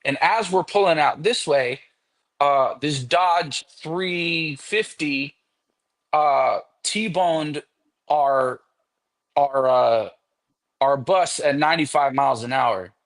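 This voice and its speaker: A man's voice: fairly high pitch, slow pace, fairly bright tone. A man guesting on a podcast, telling a long story casually and animatedly, with frequent swearing.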